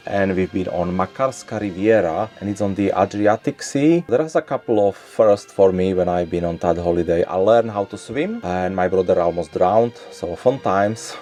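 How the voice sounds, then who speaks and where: A man in his forties from Slovakia, a native Slovak speaker, chatting casually to camera as a travel vlogger in a relaxed way. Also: deep voice. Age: 40s.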